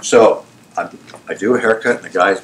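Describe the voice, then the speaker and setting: A middle-aged man who owns a salon, telling stories from his career in an animated way, laughing often and asking whether the listener follows. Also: lowish voice, moderate pace, slight background noise. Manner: animated, laughing, often asks "you know what I'm saying". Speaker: salon owner and hairdresser. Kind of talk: storytelling in a casual interview.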